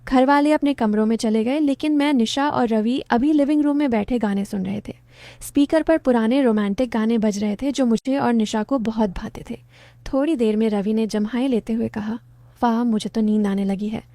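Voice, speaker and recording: A young woman narrating a first-person story at a steady, even pace. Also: fairly high pitch, moderate pace, no echo.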